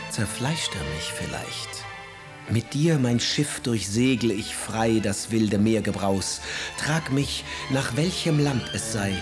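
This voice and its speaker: An actor playing a witty, melancholy young poet in a radio drama, reading letters and verse in an ironic, theatrical manner. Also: male voice, lowish voice. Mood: melancholy, declamatory. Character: young Lord Byron, witty, cynical, melancholy male poet.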